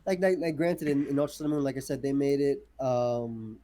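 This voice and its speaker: A man talking as a podcast guest in casual chat, excitable and quick to repeat his words as he starts sentences. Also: mid-range voice.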